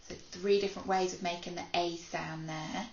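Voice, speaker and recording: A woman teaching a phonics lesson to young children to camera, speaking slowly and clearly with frequent praise. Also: fairly low pitch, steady tone, a little mellow, reverberant, lo-fi sound, slight background noise. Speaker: primary school teacher.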